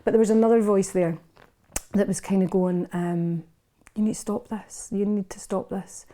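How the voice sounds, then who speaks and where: A woman's voice: mid-range voice, fairly even intonation, moderate pace, mellow. A Scottish woman in her fifties, a podcast guest, telling her life story in a frank, unguarded way with frequent restarts. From Scotland. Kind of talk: candid personal storytelling in a casual interview.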